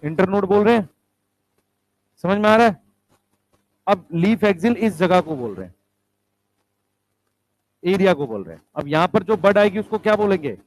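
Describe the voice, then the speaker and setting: High-voiced man teaching a class. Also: lively intonation, normal speed, long pauses, poor audio. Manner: explains step by step, asks the class questions; addresses students as beta and bhai. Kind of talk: classroom lecture.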